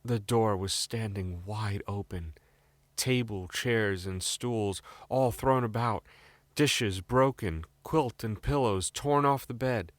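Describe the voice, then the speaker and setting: Taking it slowly, a British storyteller reads a scripted fairy tale in a voice that sits a little low. The close, dry sound has no echo, giving it the feel of a bedtime storybook recording.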